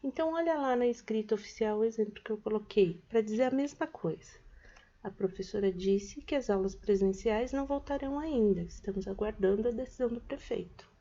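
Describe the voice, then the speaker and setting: A woman teacher with a Brazilian Portuguese accent walks middle schoolers through a lesson, stretching key words and checking in with them. Her voice sits a little high and sounds mellow. The recording is dull and lo-fi. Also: brisk. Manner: patient explaining, checks in with "né?", stretches words for emphasis.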